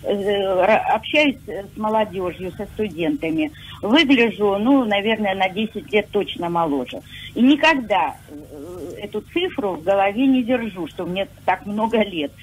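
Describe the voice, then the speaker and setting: A woman in her sixties calling a radio show. She speaks hesitantly at first, then recites a poem with lively emphasis. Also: medium pitch, measured pace, a little hiss or hum, low-quality recording. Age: 60s. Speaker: caller.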